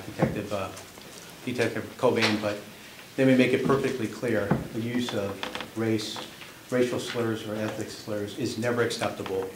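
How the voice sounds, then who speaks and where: A man giving a press statement as a police official, firm and emphatic but halting. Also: on the low side. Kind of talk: semi-prepared press statement. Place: press conference room. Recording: echoey room with clear background noise.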